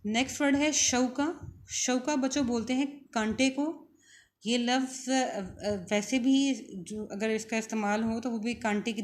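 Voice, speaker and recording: A woman with a Pakistani Urdu accent teaching a vocabulary lesson, repeating each word slowly for her students. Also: on the high side.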